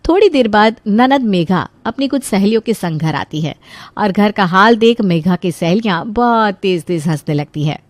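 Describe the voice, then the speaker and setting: A woman narrating a children's cartoon story in a lively, playful manner. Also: medium pitch, normal speed, no echo.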